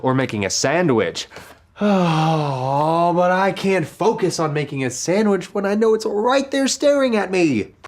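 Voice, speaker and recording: A man's voice: fairly low pitch, lively intonation, measured pace, pauses often. An actor playing a goofy, easily tempted young man in a kids' comedy, hamming it up with theatrical sighs. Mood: whiny comic. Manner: theatrical, swooping sighs and hams. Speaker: comic kids' show character. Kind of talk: scripted kids' comedy acting.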